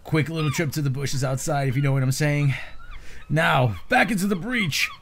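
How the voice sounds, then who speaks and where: A man's voice: fairly high pitch, normal speed, gravelly, fairly bright tone, a little hiss or hum. A man giving an informal, slangy, theatrically exasperated reading of social media posts.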